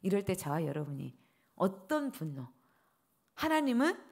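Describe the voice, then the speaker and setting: A middle-aged woman pastor preaching a dawn service sermon, acting out prayers and the dialogue of her stories with lively feeling. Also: medium pitch, a little slow, gravelly, breathy edge.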